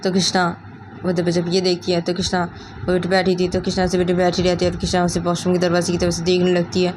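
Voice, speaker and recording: A woman's voice: lowish voice, monotone, fast, background noise. A woman narrating a romance story in a plain, run-on retelling manner.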